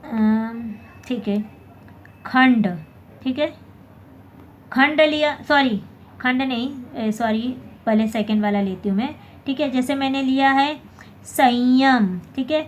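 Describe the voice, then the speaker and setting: A woman's voice: high voice, steady tone, slow, slight background noise. A woman teaching a basic grammar lesson, often asking "theek hai" and correcting her own slips. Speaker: Hindi teacher.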